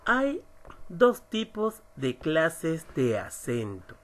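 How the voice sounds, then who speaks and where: A man teaching an online writing class, slowly stressing syllables as he explains. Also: on the high side, huge pitch swings, a bit bright. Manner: slow, emphatic, stresses syllables. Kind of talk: recorded online lesson.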